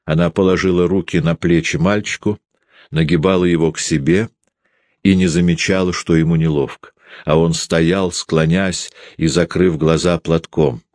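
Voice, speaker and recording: Deep-voiced man reading a novel aloud. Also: steady tone, normal speed, darkish tone, no room sound. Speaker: audiobook narrator. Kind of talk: scripted literary narration.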